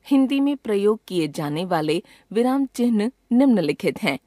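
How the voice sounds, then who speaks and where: A woman reading a grammar lesson as scripted textbook narration, measured and slow on each example sentence. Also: mid-range voice, very animated, dark tone, no room sound, studio quality. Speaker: grammar teacher.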